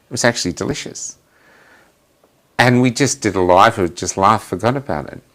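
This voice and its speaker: A man, a guest on a chat stream, telling road anecdotes in a lively casual way and laughing often. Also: fairly low pitch, moderate pace. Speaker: guest, traveling activist.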